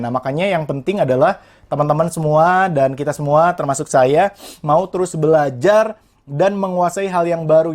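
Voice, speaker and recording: A man's voice: on the high side, a little mellow. A man in his twenties from West Java, a young entrepreneur guest telling his life story in an earnest, motivational way and speaking straight to the listeners. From Indonesia, West Java. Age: 20s. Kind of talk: motivational interview talk.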